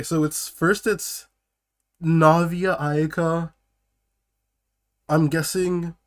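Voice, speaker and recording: A man sick with a cold chatting casually on a live stream, greeting viewers and breaking off to laugh and cough. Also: on the high side. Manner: laughs and coughs between phrases; chats loosely with viewers.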